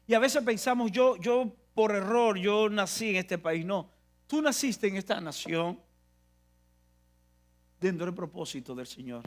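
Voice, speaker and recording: A man's voice: sits high, animated, measured pace. A man with a Dominican Spanish accent preaching a sermon, emphatic and repetitive, often restarting his phrases.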